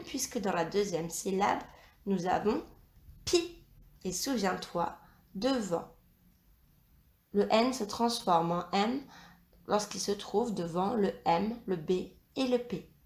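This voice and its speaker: Slow, deliberate woman teacher. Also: mid-range voice, roomy sound. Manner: slow, carefully spelled-out instruction. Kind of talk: dictation lesson.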